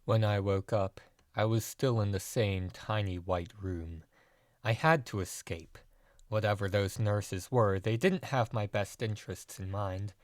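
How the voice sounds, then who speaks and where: A man narrating a dark first-person audio story in a measured, deadpan way. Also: lowish voice, no room sound, studio quality.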